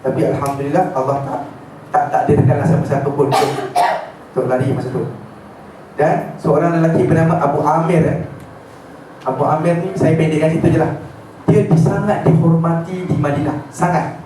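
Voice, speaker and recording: A man giving a lively storytelling lecture on religious history and mixing in English words. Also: fairly high pitch, a little fast, long pauses, slight background noise. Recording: echoey room from far off.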